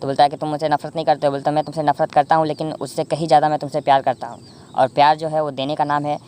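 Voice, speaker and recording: Brisk, monotone recap narrator from India, chatty and self-correcting. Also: medium pitch, a little hiss or hum. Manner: rambling, frequent self-corrections and fillers. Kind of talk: casual drama recap narration.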